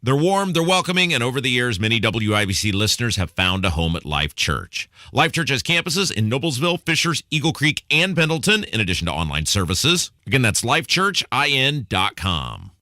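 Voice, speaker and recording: A man co-hosting on radio with an emphatic, deliberate way of talking. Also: mid-range voice, big pitch swings, sharp tone, no echo, studio quality. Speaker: radio co-host. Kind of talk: radio talk and host-read ads.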